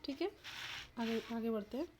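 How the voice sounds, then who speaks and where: A woman's voice: a little high, moderate pace, darkish tone, slight background noise. A woman teacher giving an exam-prep lesson, asking the viewer questions and sounding out each letter aloud.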